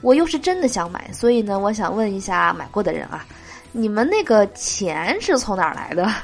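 A woman's voice: medium pitch, sing-song, a little fast, creaky, soft background music. A woman hosting a joke show, reading jokes aloud with a nasal voice from a cold and laughing at her own punchlines.

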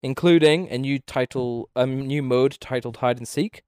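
Sweary, rambling man with a smooth voice. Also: mid-range voice, normal speed, darkish tone, dry recording, studio quality. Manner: sweary, rambling, blunt opinions. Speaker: podcast co-host. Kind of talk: casual gaming chat.

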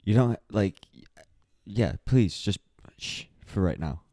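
A man's voice: on the low side, animated, slow, mellow, no echo, studio quality. A young man co-hosting a podcast in casual crude chat, laughing often and rambling with fillers. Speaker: podcast co-host.

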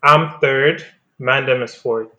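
A man's voice: medium pitch, fairly even intonation, slow, pushed and bright, muffled recording. A man hosting a podcast in casual, jokey chat, teasing his co-panellists. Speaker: podcast host. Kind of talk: casual football fantasy league chat.

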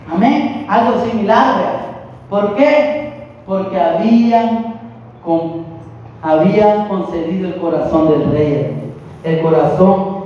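Preacher guy, really high voice, slow halting sermon, far off in a big echoey hall, kinda muffled. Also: a little mellow, slight background noise. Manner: slow, halting, often repeating "hermano".

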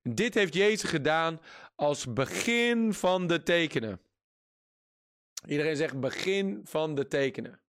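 A man preaching a sermon in a lively, emphatic way, reading scripture aloud and laughing often at his own jokes. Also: a little high, measured pace.

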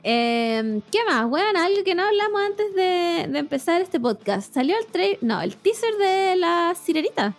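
High-voiced Chilean woman chatting. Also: a little slow, few pauses. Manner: slangy, laughing, animated. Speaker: podcast co-host. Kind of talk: casual chat.

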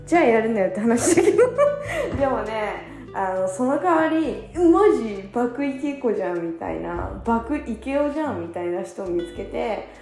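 Tired girl rambling to camera, a bit high-pitched, roomy echo. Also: very animated, normal speed. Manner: chatty, self-mocking, acts out quotes in a higher voice. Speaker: vlogger. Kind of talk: casual solo chat. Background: soft guitar music.

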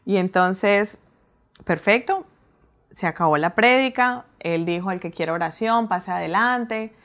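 A woman telling a personal story in a casual, animated way, acting out her own reactions. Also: medium pitch, unhurried. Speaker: guest telling her testimony.

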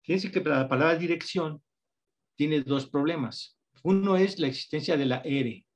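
Teacherly Mexican man, slightly high voice. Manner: patient, teacherly, spells out examples slowly. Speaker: guest researcher on reading instruction. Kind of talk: explanatory interview talk.

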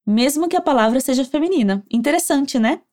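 A woman with a Brazilian Portuguese accent teaching Spanish, giving clear, encouraging instructions and modeling phrases slowly for the listener to repeat. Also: high voice, expressive, darkish tone. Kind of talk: language lesson narration with repeat drills.

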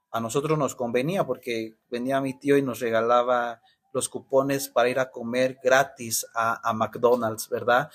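A Mexican man preaching, telling a story and acting out the people in it, with many restarts. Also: medium pitch. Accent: Mexican Spanish. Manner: storytelling with frequent restarts, acting out quoted voices. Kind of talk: storytelling sermon.

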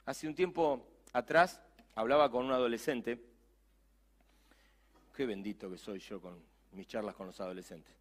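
A man's voice: medium pitch, measured pace, long pauses. A middle-aged man with a Rioplatense Spanish accent, a youth pastor preaching a sermon with emphatic, conversational asides.

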